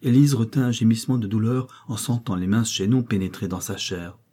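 Man narrating a novel, husky and low. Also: a little fast, dark tone. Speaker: audiobook narrator.

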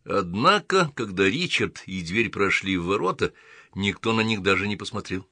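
Low, bright male audiobook narrator. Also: expressive, moderate pace, no room sound.

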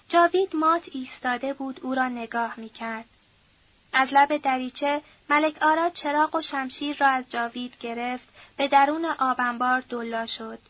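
Woman reading a novel out loud, steady and measured, dull muffled sound. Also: high-pitched, dry recording. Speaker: audiobook narrator. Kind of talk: scripted narration.

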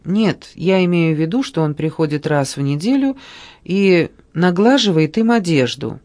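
A man's voice: a little high, expressive, moderate pace, darkish tone, lightly acted. A man reading aloud and voicing a blunt, sarcastic pregnant young woman in a storybook, speaking in curt, dry lines.

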